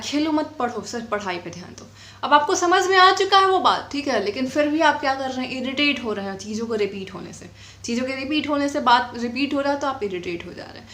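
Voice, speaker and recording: A woman's voice: fairly high pitch, sharp tone, roomy sound. A woman teaching an English grammar lesson, explaining patiently and often checking whether her students have understood. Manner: explains patiently, asks frequent check questions; dictates definitions slowly. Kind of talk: classroom-style grammar lesson.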